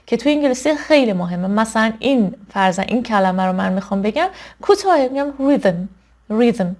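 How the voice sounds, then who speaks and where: A woman teaching an online English vocabulary lesson. She says each word slowly and carefully, then explains and checks in with her students often. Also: on the high side, darkish tone.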